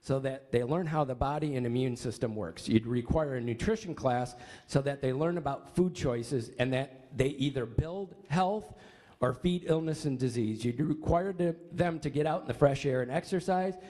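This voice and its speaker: A man's voice: medium pitch, moderate pace, warm tone. An American man reading out a prepared public comment in an accusatory, emphatic manner.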